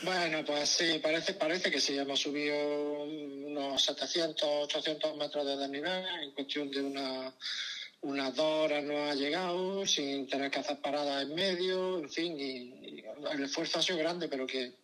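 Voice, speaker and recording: A man on a mountain expedition, talking in an interview in a measured way that repeats words. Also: a little high, steady tone, bright, forceful tone, rough recording. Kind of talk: phone-in interview.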